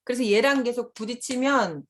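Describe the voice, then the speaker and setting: A woman's voice: a little high, moderate pace, slight background noise. A middle-aged woman speaking candidly at a seminar as a mother and school principal, often laughing while she talks. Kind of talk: conversational seminar talk.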